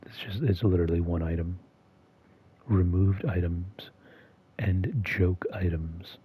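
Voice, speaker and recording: A man hosting a video in a soft-spoken, half-monotone voice that is often whispered and slightly strained. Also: low voice, slow pace, slightly rough. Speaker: video host. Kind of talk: soft-spoken ASMR-style commentary.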